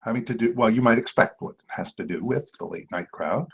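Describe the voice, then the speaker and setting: A man's voice: medium pitch, fairly quick, slightly rough. A man hosting an online trivia game as quizmaster, playful, with jokey asides. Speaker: trivia quiz host. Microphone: video call. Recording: dull lo-fi video call audio.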